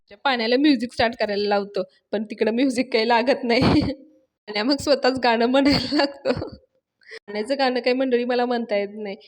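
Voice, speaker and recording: Woman reviewer, high voice, chatty casual recap narration. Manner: chatty, laughs along. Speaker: serial reviewer.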